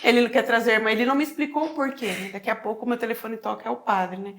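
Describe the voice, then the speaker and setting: A woman's voice: on the high side, steady tone, racing, over a noisy crowd. A middle-aged Brazilian woman telling her own story in a casual chat, acting out the dialogue with frequent tag questions. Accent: Brazilian Portuguese.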